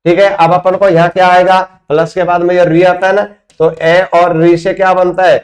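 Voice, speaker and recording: A man with a somewhat high voice teaches a grammar lesson at the board. He works through examples step by step, calling his students friends and asking them questions he then answers himself. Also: flat delivery, normal speed. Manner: explains step by step, asks rhetorical questions.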